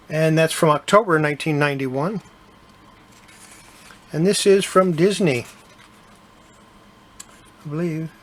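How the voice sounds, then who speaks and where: Older male host, slightly high voice, easygoing show-and-tell about his collection. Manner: relaxed, chatty, with fillers.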